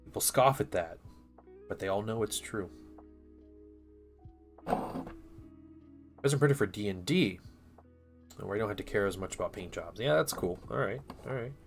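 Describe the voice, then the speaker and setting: A man's voice: on the low side, expressive, unhurried, long pauses, faint music behind. A man in his thirties chatting casually on a live stream, rambling a little as he reads viewer comments aloud and works on his models. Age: 30s. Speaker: live-streaming miniature painter.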